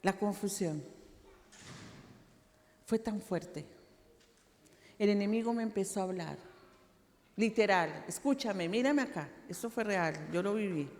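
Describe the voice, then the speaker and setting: A woman's voice: medium pitch, expressive, unhurried, pauses often, a little mellow. A woman pastor preaching a personal testimony sermon, telling her story dramatically with repeated phrases. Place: large church hall. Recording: reverberant church hall.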